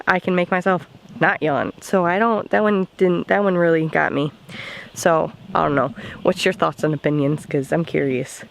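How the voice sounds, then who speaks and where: A woman's voice: medium pitch, vocal fry, a little hiss or hum. A young woman vlogging outdoors by a cabin in the woods, chatting casually and rambling with lots of fillers. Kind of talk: casual vlog chat.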